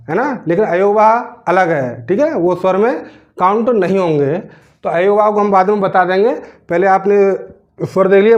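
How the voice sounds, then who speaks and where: High-voiced male teacher, dull recording. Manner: asks rhetorical questions and answers them himself; keeps checking in with "theek hai na". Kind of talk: classroom grammar lesson.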